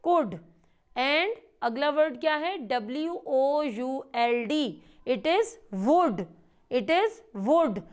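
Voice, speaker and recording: A woman's voice: high-pitched, clean tone. A woman teaching an online English lesson, spelling words letter by letter, repeating them and asking her students questions. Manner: reads example sentences aloud and asks students questions.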